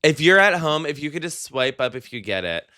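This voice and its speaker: Young man, podcast co-host, campy, playful, bright tone, casual chat. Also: a little high, very animated, fairly quick, clean tone. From New York. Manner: campy, playful, says "honey".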